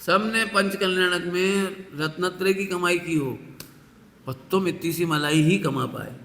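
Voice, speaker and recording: A man delivers a sermon with animated storytelling, often pausing to ask his listeners rhetorical questions. His voice sits high and sounds bright and forceful. The recording carries the long, ringing reverb of a large hall. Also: slight background noise. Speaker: Jain religious teacher.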